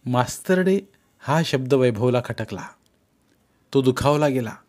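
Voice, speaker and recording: A man narrating a novel aloud in a steady storytelling manner. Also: medium pitch, a little slow. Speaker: audiobook narrator. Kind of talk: scripted narration.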